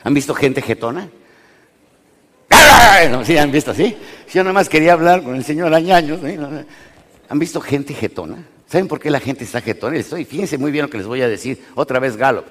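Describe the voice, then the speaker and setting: A man with a Mexican accent giving a motivational business lecture to an audience, animated, swinging between loud and hushed, often questioning the crowd. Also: on the high side, a little fast. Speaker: motivational speaker. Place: large lecture hall with audience. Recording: lecture hall reverb.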